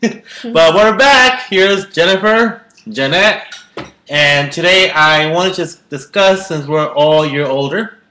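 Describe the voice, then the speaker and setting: A man's voice: a little high, slow pace, pushed and bright, reverberant, low-quality recording. A man in his twenties hosting a casual chat, rambling and restarting his sentences. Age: 20s. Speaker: host.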